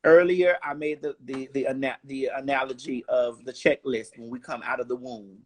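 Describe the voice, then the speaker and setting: A woman's voice: a bass voice, fairly even intonation, moderate pace, a little mellow. Blunt, profane woman in her forties. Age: 40s. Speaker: interviewee. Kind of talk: casual interview chat.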